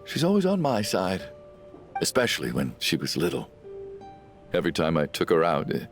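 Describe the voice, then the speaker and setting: A man voicing a kindly, excitable middle-aged father in a video game, with a hesitant, stammering way of talking. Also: deep voice, normal speed, soft background music, heavily acted. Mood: gentle, concerned. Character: chatty, kindly, excitable father, anxious and easily awed.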